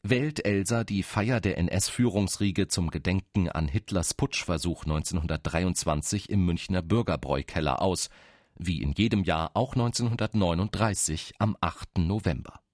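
Male narrator, deep register, sober and factual scripted documentary read, dry studio sound. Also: normal speed, a little mellow, no echo.

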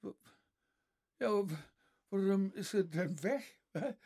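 Scared confused old man, husky voice, high and swooping all over, stammers. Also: expressive, slow pace, warm tone, full character voice. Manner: stammering, crying out for his mother.

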